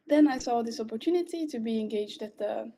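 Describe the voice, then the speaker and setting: A woman in her twenties from French-speaking Belgium, a native French speaker, gives an informal prepared presentation as a candidate. Her fairly high voice is warm and fairly quick.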